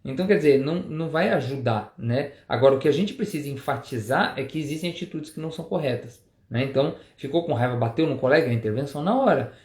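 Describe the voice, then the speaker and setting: A man's voice: fairly high pitch, expressive, fast, few pauses, a little mellow, reverberant. A man co-hosting a parenting talk, explaining things in a casual way with lots of tag questions. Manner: explanatory, many "né?" tags. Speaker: parenting show co-host, father. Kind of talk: casual couple conversation.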